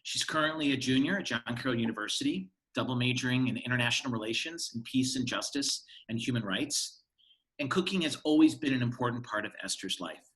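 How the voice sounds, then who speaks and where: A man's voice: mid-range voice, fairly bright tone, poor audio. A man hosting an online cooking series, giving formal introductions and asking his guest curious questions. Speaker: host.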